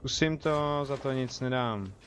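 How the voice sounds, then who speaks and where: Chatty Czech gamer talking to viewers. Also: male voice, mid-range voice, a bit bright, slight background noise. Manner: chatty, talks to viewers and the game, jokey. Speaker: game streamer. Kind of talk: casual live gameplay commentary.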